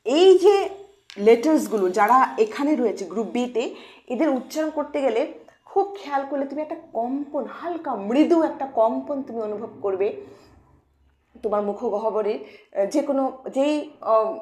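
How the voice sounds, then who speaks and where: A woman gives a playful phonics lesson to young learners in a fairly high voice. She coaxes them along with question after question. She drags each sound out slowly and repeats it. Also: mellow. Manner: playful, coaxing, asks many questions. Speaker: English phonics teacher. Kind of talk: informal lesson to children.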